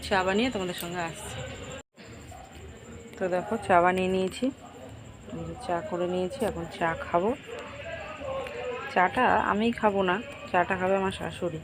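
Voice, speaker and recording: Middle-aged woman, lower voice, chatty housework vlogger, noisy home kitchen. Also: steady tone, moderate pace, pauses often. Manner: running commentary on chores, repetitive. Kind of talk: casual chat to viewers.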